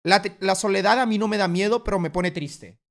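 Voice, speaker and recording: A man streaming a casual reaction to a video, talking bluntly, swearing freely and now and then acting out a voice in a sudden loud burst. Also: sits high, a little fast.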